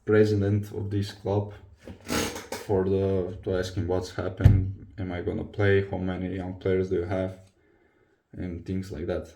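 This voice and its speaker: This young adult vlogger and footballer from Croatia has a low, gravelly, mellow voice and a completely flat, measured delivery, with a little hiss or hum in the recording. He talks casually and confessionally to camera in accented non-native English, pausing to find words.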